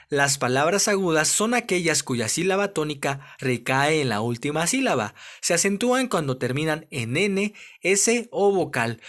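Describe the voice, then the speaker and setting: Lively teacher man explaining a lesson. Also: a little high. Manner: clear, explanatory, addresses pupils directly with questions. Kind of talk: lesson summary for primary pupils.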